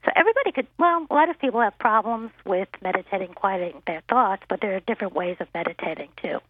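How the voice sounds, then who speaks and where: A woman's voice: mid-range voice, animated, fast talker, dry recording. A woman medium calls in over a narrow, tinny phone line, her voice sitting right at the middle of the female range. She explains things in an earnest, reassuring way and keeps dropping in "you know". The line sounds dry, with no room around her. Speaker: medium, guest author. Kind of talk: phone-in interview. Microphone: telephone.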